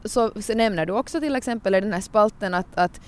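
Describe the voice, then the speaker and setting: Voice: medium pitch, clear, resonant tone. A podcast host interviewing a guest and reading out quotes from old columns, engaged and careful in the reading.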